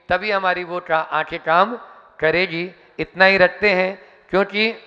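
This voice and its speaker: A man's voice: sits high, sharp tone. A man telling a moral tale in a religious talk, then introducing the main preacher. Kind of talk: religious storytelling. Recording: dull sound with long hall reverb.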